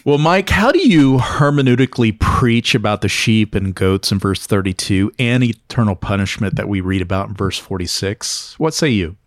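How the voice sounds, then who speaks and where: A man's voice: fairly low pitch, animated, moderate pace, hardly any pauses. A man hosting a podcast, putting a question to his guest in a casual, conversational way. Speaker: podcast host. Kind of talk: interview question.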